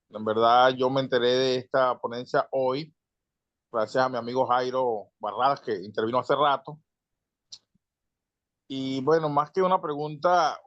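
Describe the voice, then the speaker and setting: A man from Venezuela giving an earnest, measured comment in an online panel, pausing with fillers. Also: mid-range voice, dry recording. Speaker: audience member asking. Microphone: video call. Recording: dull lo-fi video call audio.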